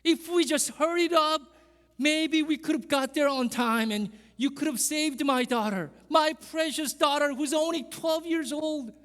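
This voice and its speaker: A man's voice: very high voice, extremely slow, a bit bright, big-room sound, voice pushed up, heavily acted. A man acting out a grieving father who pleads and questions in anguish during a sermon. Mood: anguished pleading.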